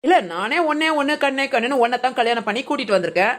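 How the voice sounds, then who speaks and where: A woman's voice: high voice, expressive, fast talker, a bit bright. A woman voicing a playful young wife in a cartoon family drama, teasing her husband. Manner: teasing, light banter.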